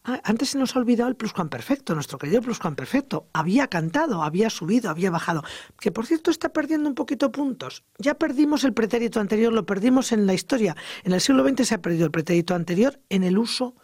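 A grammar teacher giving an educational radio lesson, explaining lively and acting out example sentences. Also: medium pitch, fast, dry recording, clean studio sound.

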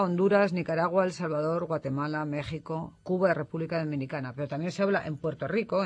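Expert guest, man, somewhat high-pitched, teaching tone, checks in with listeners, fixes slips as he goes. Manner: didactic, tags statements with "¿no?", corrects himself mid-sentence. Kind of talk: explanatory radio talk.

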